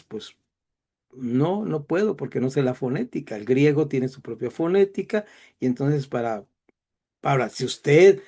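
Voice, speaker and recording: A man's voice: mid-range voice, mellow. A middle-aged man with a Mexican accent giving a Bible class in a chatty, digressive lecture style. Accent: Mexican Spanish. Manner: digressive, chatty, self-deprecating asides. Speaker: Bible teacher.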